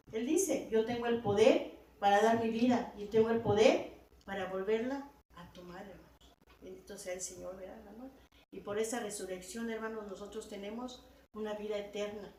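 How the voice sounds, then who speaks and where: A woman's voice: mid-range voice, darkish tone. Echoey woman preaching in a church. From Latin America. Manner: repeats "hermanos" and "verdad" constantly, rising to emphatic peaks. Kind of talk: sermon. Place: church hall. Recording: very echoey hall, mic from far off, faint noise.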